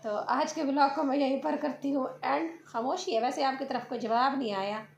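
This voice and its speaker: A woman's voice: sits high, fairly even intonation, moderate pace, gravelly. A woman from Pakistan with a Pakistani Urdu accent, a tired mother chatting and teasing in a casual family vlog at home. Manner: chatty and teasing, talks straight to her viewers. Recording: echoey room with faint noise.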